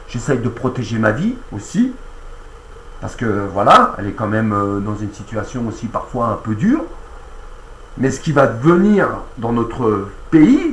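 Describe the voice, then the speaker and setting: A man's voice: medium pitch, slight background noise. A man in a casual monologue, earnest and repetitive, speaking directly to the president while reacting to a radio clip. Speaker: online commentator. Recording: roomy echo.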